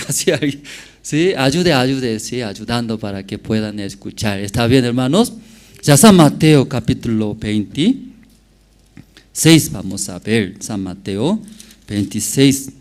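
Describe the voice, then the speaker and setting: A male pastor preaching a sermon in a halting manner, often checking with the congregation and rising from quiet asides to loud emphatic exhortation. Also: mid-range voice, lively intonation. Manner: slow, halting delivery with frequent checks to the congregation.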